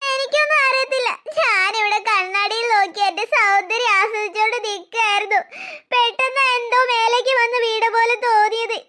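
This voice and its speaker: A woman's voice: very high-pitched, steady tone, fairly quick, bright, forceful tone. Woman voicing a vain cartoon elder sister. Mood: whiny. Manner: dreamy, self-admiring, then whiny. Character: vain young woman admiring her own beauty. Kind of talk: cartoon story voice acting.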